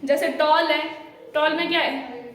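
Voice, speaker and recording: A woman teaching a spelling lesson to a class, slow and questioning, repeating the answers back. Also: high-pitched, steady tone, a bit bright. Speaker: English teacher. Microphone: far from the mic. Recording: very echoey room from far off.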